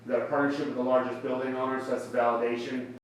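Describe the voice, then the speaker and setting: Fast-talking man pitching in an echoey room. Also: level tone, slight background noise. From Florida. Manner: fast, salesy, persuasive. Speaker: startup founder pitching. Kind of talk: live pitch presentation. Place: event space at a tech meetup. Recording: echoey room, mic far off.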